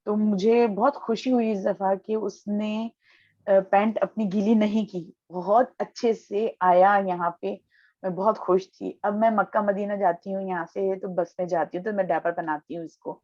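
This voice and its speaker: Mother with a dark, muffled voice. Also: mid-range voice, dry recording. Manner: animated, storytelling, worried. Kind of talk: casual conversation, describing her experience.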